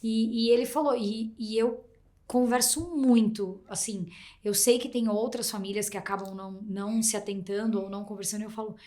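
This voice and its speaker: A woman hosting a podcast, speaking with a Brazilian Portuguese accent in a slightly high voice. She tells stories in an animated way and acts out her child's replies. Her sentences ramble, with frequent restarts. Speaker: podcast host. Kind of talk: casual interview chat.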